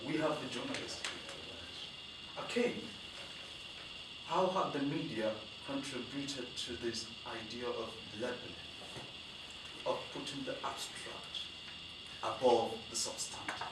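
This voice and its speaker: Male moderator, halting, filler pauses, faraway mic, echoey lecture room. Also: medium pitch. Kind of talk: panel moderation. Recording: roomy hall from a distant mic with noise.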